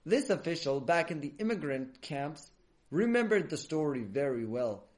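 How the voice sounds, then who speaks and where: A man narrates a dramatic tale for children with lively, expressive delivery. His voice sits a little higher than most men's, and he rises and drops for suspense. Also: moderate pace. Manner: animated, expressive. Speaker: storyteller for children.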